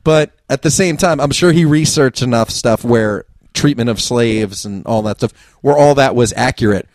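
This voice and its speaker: A man's voice: mid-range voice, normal speed, darkish tone. A man co-hosting a casual podcast chat, blunt and joking, swearing freely. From New Jersey. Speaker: podcast co-host.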